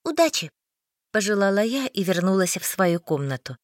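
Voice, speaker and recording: A woman reads first-person fiction with a wry, expressive delivery. Her voice rises and falls a great deal. The recording is dry and close, with no room behind it. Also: medium pitch, moderate pace, no echo. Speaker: audiobook narrator.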